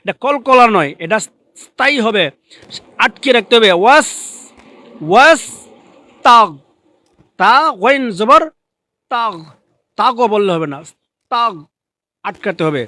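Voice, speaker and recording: A male recitation teacher with a high, bright voice, recorded close and dry. He stretches each model word out slowly, then explains briskly, pressing hard on the corrections. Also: lively intonation, no room sound. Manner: grows loud and emphatic when correcting mistakes. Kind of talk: live online recitation lesson.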